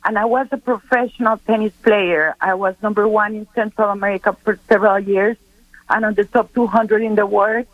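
A woman's voice: medium pitch, steady tone, fairly quick, dry recording, phone-quality sound. Earnest middle-aged woman from Costa Rica. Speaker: guest speaker. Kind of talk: radio interview chat.

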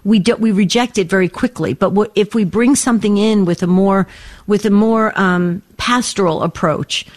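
A woman's voice: mid-range voice, normal speed. Chatty woman radio host. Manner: chatty, encouraging. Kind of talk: call-in radio chat.

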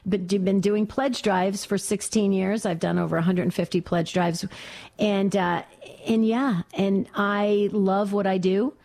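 Chatty older woman radio host. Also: fairly low pitch. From New Jersey. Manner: chatty, warm-hearted, many restarts. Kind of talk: talk radio monologue.

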